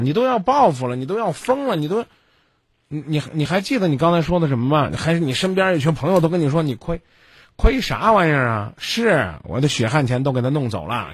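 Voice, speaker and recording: A man hosts a radio advice line, and his voice swings widely up and down as he lectures. He is blunt and scolding and cuts in constantly. The sound is husky and dry, close to the mic. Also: on the high side, no echo. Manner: blunt, scolding, interrupts the caller. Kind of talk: call-in advice show.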